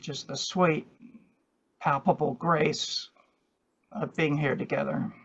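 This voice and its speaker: A man leads a spiritual gathering in a measured, reflective manner. His voice sits a little high and crackles with fry, and he takes his time. The sound is dull and muffled. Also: steady tone, a bit bright. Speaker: group host and meditation leader. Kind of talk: spiritual talk and group facilitation.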